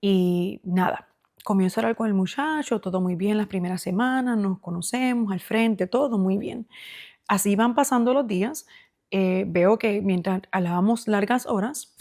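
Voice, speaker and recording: A woman's voice: medium pitch, moderate pace, darkish tone. A woman speaking on a faith podcast in an earnest, exhorting preaching style. She talks straight to the listener, often calling them "hermano". She mixes her advice with her own personal testimony. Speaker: podcast host.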